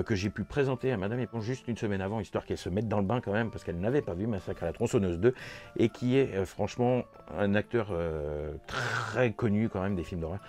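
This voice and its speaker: A man's voice: fairly low pitch, dark tone. A man with a French accent recapping a horror convention in a casual vlog, enthusiastic and rambling with many fillers and repeats. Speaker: vlogger recounting a convention.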